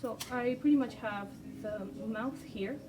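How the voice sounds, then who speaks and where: The clip features a woman with a voice on the high side, rambling hesitantly as she sketches for a casual vlog, full of ums and self-deprecation. English is her second language; the distant mic captures background music and heavy noise.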